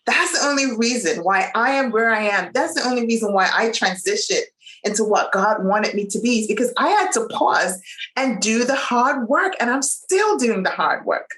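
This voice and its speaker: A woman's voice: a little high, normal speed, reverberant, poor audio. A woman from Bermuda, a nurse and coach, giving an emphatic, preacherly motivational talk as an interview guest. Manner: animated, preacherly, emphatic with faith references.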